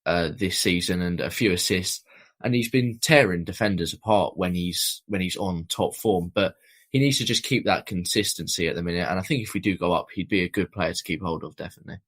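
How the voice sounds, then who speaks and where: Deep-voiced measured podcast panelist man. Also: fairly bright tone. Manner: measured, lots of "I think" and "kind of". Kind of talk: casual fan podcast chat.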